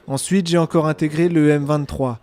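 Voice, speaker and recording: A man's voice: fairly high pitch, steady tone, normal speed, warm tone. A man from Rwanda, a detained soldier, giving a plain, factual account of his past.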